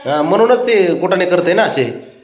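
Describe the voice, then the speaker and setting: A man's voice: high voice, lively intonation, moderate pace, reverberant. A man talking to his cat at home, coaxing and scolding it by turns. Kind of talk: casual talk to a pet.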